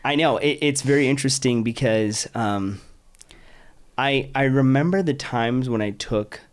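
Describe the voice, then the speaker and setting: A man's voice: mid-range voice, unhurried. A man from Utah hosting a podcast, talking in an enthusiastic, rambling way with lots of restarts and fillers. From Utah, United States. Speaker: podcast host. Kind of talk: casual interview chat.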